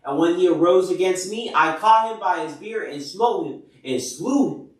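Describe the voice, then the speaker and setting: A man's voice: sits high, expressive, normal speed. A man reading Bible passages aloud and retelling them in loose, casual words full of fillers like "like" and "you know". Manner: reads scripture then paraphrases loosely with many fillers. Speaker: Bible reader. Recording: echoey room from far off the mic.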